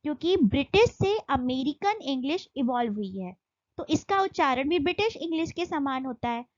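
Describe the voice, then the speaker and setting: A young Indian woman teaching an exam-prep lesson, reading English notes slowly and then explaining them in Hindi with fillers. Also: sits high, no room sound, dull audio.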